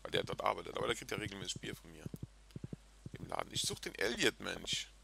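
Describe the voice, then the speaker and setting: A chatty, excitable man hosting a video game let's play and talking casually to his viewers. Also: fairly low pitch, fast talker, gravelly, background noise. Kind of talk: casual gameplay commentary. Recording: game music in background.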